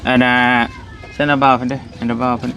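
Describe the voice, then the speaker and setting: A man's voice: mid-range voice, little pitch movement, fast, fairly bright tone, a little hiss or hum. A man with a Lao accent, chatting casually outdoors in a village as he hands over a donation, coaxing and repeating his phrases. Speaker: vlogger delivering donation.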